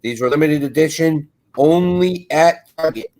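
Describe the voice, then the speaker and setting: A man's voice: fairly high pitch, normal speed, a little mellow, a little hiss or hum. A man calling auction lots over a video call whose audio keeps breaking up, so his words come through in short fragments. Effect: choppy, breaking-up video call audio. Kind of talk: live online auction calling.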